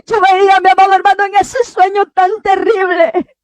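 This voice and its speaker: A woman preacher giving an impassioned testimony, tearful and pleading, sometimes breaking into shouts and often addressing her listener as a beloved brother. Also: very high-pitched, level tone, normal speed, no echo. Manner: repeats "mi amado hermano" to the listener.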